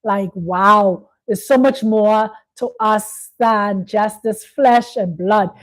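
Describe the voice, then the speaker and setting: A woman from the Bahamas hosts a spiritual talk in Kenya, speaking slowly in a mid-range voice on a rough recording. Her delivery is preachy, with repeated phrases and frequent "you see?" check-ins.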